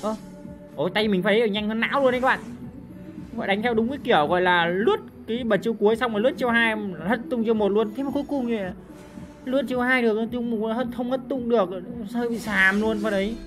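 A woman commentating on her own gameplay, excitable and full of loud, repeated exclamations. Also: a little high, quick pace. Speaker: game streamer. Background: game music and sound effects.

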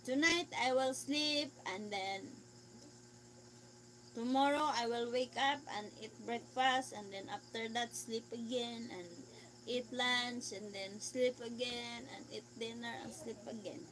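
A woman's voice: on the high side, a little slow, fairly bright tone, a little hiss or hum. A woman chatting casually with viewers on a live stream. She reads their comments aloud, answers in simple phrases and laughs easily.

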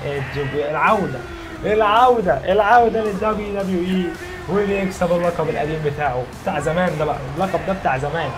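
A young Egyptian man playing a wrestling video game, cheering, shouting and trash-talking his opponent as he commentates. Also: high-pitched, quick pace, music in the background. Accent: Egyptian Arabic. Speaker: gaming YouTuber. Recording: loud crowd noise from game. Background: loud game arena crowd.

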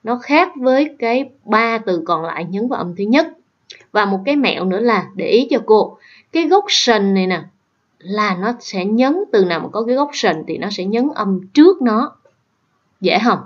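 A woman's voice: medium pitch, lively intonation, moderate pace, muffled recording. A woman teacher with a Southern Vietnamese accent, patiently explaining exam questions step by step and checking in with her students. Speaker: English teacher. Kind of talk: exam prep lesson.

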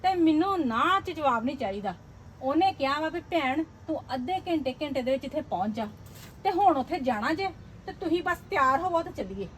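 A woman's voice: high voice, animated, fairly quick, a little hiss or hum. A woman playing a scheming, bossy elder sister. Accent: Punjabi. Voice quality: scornful, bossy. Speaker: elder sister in a village family drama. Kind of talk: Punjabi web drama acting.

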